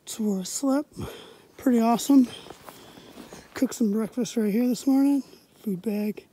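A woman's voice: fairly high pitch, normal speed, dark tone, slightly rough. A woman hosting a casual hiking vlog outdoors at a snowy winter campsite, chatty and upbeat. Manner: upbeat, chatty, laughs easily. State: a little out of breath at times. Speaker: vlogger, host of the hiking channel.

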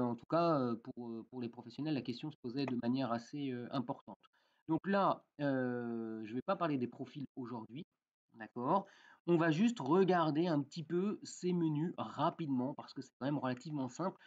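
A man walking through a software tutorial in a casual way, with many fillers and frequent "d'accord?" check-ins. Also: medium pitch, highs cut off. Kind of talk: screen-recorded software tutorial.

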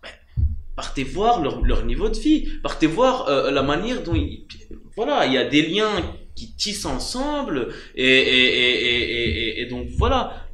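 A man's voice: medium pitch, very animated, unhurried, pushed and bright. A young man speaking emphatically in a political interview, with many fillers and repeated words, at a studio desk microphone. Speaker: political candidate. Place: small TV studio. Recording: roomy studio with faint hiss.

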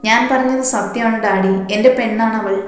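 A woman voices a lovestruck young man from a storybook, firm and possessive, with slow, deliberate words. Her voice stays a touch high for the part. The lines echo heavily around the room. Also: steady tone, lightly acted. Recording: very echoey room.

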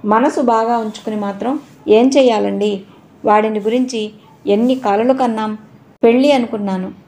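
Brief: woman narrator voicing a middle-aged mother mourning her son, tearful and pleading, storybook reading, fairly high voice. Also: fairly even intonation, moderate pace, a little mellow, a little hiss or hum, lightly acted. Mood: grief-stricken.

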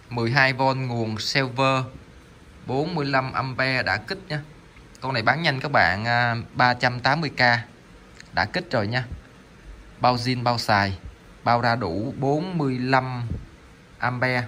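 A man's voice: mid-range voice, fairly bright tone. Man, medium voice, casual seller, rambling, stammers and restarts often, light noise behind. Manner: rambling, stammering, lots of fillers. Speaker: online seller of salvage electronics. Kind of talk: casual sales talk while demonstrating parts.

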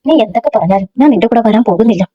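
A woman's voice: fairly high pitch, animated, racing, breathy edge. A woman reading a curt, firm young woman. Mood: curt, angry. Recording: dull lo-fi recording.

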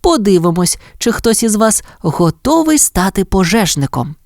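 A woman's voice: mid-range voice, very animated, moderate pace, a little mellow, no echo, studio quality, pitched above the performer's own voice. A woman voicing a kind, capable mother dalmatian in a storybook reading, instructing her puppies. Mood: instructive. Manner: instructive, encouraging.

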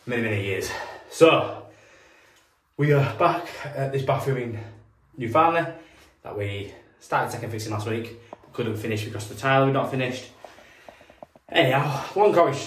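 A man's voice: medium pitch, moderate pace. A British man working as a plumber, chatting casually to camera as he finishes a bathroom job, a bit out of breath, rambling and poking fun at himself. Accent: British English. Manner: chatty, rambling, self-deprecating. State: slightly out of breath. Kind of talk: casual work vlog, talking to camera. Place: bathroom being renovated, indoors.

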